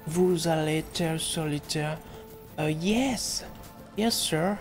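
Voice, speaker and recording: A man putting on an Englishman with a put-on English accent who speaks French haltingly and slowly. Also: a little high, faint music behind, pitched above the performer's own voice. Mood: bumbling. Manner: halting, drawn-out words. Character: Englishman mangling French, stiff and polite.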